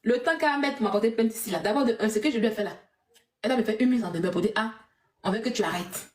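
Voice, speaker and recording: A woman's voice: a little high, quick pace, roomy sound. A woman ranting on a livestream, defiant and mocking, often breaking into scornful laughter. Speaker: social media personality. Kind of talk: heated livestream rant.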